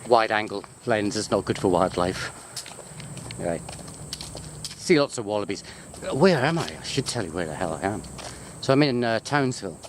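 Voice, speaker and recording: With a lowish voice, lively intonation and an ordinary pace, a UK university lecturer chats spontaneously on camera during a walk through botanical gardens. He's rambling, jokey and easily pulled off track. A handheld wide-angle sports camera records him, along with the ambient noise of being outdoors on foot.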